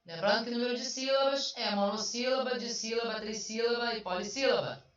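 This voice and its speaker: A woman's voice: on the high side, a little fast. Chatty woman teacher, roomy and distant. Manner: chatty, explains step by step, asks and answers own questions. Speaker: Portuguese language teacher. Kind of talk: online exam review lesson. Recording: roomy, distant, dull sound.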